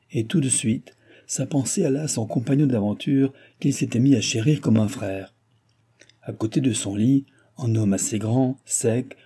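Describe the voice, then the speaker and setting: Dark, husky male audiobook narrator. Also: lowish voice. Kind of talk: scripted narration of an adventure novel.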